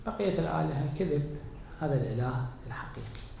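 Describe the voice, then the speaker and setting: Male cleric lecturer, measured, self-questioning delivery with sharp swings between loud emphasis and quiet; heavy hall reverb. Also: a little high, expressive, gravelly, a little hiss or hum. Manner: deliberate, halting, asks and answers own questions; swings between raised emphatic and hushed tones. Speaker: cleric teaching Quran exegesis. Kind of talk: religious lecture. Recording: very echoey hall.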